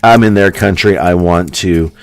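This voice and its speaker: A gravelly, resonant low voice comes through clearly with no echo as this American coin hunting streamer chats at length with his audience at a moderate pace. Faint music plays behind his rambling General American speech, which is full of ums and likes.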